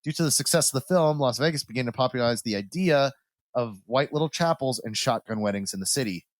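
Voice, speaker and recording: A man's voice: mid-range voice, fast, dry recording. Casual, rambling man on a dry mic. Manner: rambling, informal. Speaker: podcast host. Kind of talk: casual banter with swearing.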